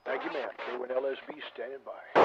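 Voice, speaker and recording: A man checking in as an amateur radio operator, polite and halting with repeated restarts, heard over a noisy, narrow ham radio transmission. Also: medium pitch, monotone. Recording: hissy, tinny two-way radio signal.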